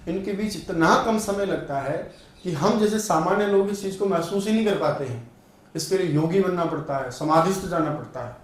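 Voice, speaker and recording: A man's voice: fairly high pitch, darkish tone, very echoey. A man teaching Sanskrit grammar in an online exam-prep class, repeating key terms and asking and answering his own questions.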